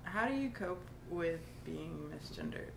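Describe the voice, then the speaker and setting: Woman interviewer, slow and gravelly, hesitant phrasing, roomy echo with audible background noise. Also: lowish voice, lively intonation. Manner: hesitant, fills pauses with um and so. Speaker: oral history interviewer. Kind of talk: interview questions. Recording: echoey room with clear background noise.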